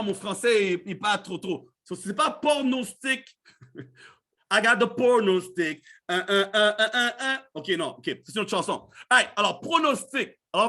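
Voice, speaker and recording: Male live-training host, mixed in, high bright voice, casual motivational delivery. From Canada. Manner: animated, repeats himself, mixes in English words.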